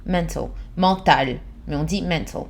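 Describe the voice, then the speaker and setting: A woman's voice: on the low side, animated, moderate pace. A young woman from France chatting casually in a vlog, explaining British English expressions and acting out short examples in English, laughing at her own slips.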